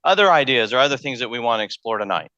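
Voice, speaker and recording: Chatty male college lecturer, bright tone. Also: mid-range voice, expressive, rapid-fire, dry recording, dull audio. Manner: conversational, thinks aloud, repeats words. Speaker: math lecturer. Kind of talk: public lecture. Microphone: handheld mic.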